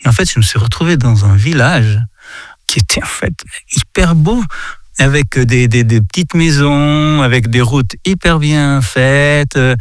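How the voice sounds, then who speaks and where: A man from Portugal giving a reflective faith talk, halting often and repeating words as he searches for them. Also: medium pitch, no echo. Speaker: speaker sharing a reflection.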